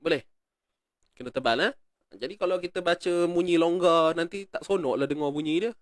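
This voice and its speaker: A man with a Malaysian Malay accent teaching Quran recitation rules, explaining patiently, repeating words slowly and chanting verses. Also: a little high, no room sound, studio quality. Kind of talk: tajwid lesson, explaining and reciting.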